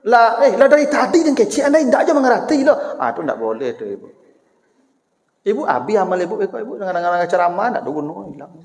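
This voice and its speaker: A man preaching with a Minangkabau accent, his high voice swooping up and down as he teases his listeners. His sermon rings through a large echoing hall with a long reverb tail. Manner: lively and teasing, acts out everyday exchanges. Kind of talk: lecture-style sermon.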